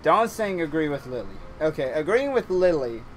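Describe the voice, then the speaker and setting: A man's voice: fairly high pitch, sing-song, moderate pace, a little hiss or hum. A man streaming a visual novel, chatting casually in a rambling way with frequent restarts and laughter. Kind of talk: casual let's-play chat.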